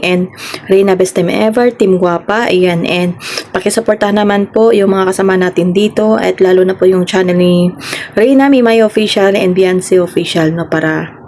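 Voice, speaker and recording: A woman vlogger with a Filipino accent giving her reaction, scolding someone with a string of sharp rhetorical questions. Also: lowish voice, a little hiss or hum. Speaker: vlogger reacting to online drama. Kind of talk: casual reaction commentary.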